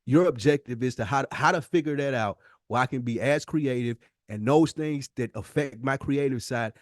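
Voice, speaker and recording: Recorded at studio quality with no echo, an American podcast co-host speaks at normal speed in a medium-pitched voice. The conversation is a heated but casual debate, and he pushes his points hard in slangy, frequently lecturing language.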